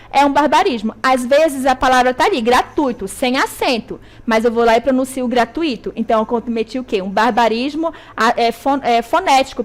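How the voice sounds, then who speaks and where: High-voiced Brazilian woman teaching grammar. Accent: Brazilian Portuguese. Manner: didactic, checks in with "tá?" and "certo?"; spells out syllables slowly and stresses sounds. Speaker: Portuguese language teacher. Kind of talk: televised school lesson.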